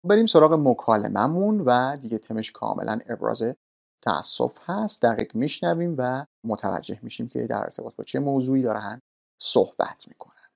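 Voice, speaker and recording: Man teaching grammar, patient and polite, with a gravelly edge. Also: medium pitch, animated. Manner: patient, polite, clearly explaining. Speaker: English teacher. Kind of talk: explaining grammar lesson in Persian.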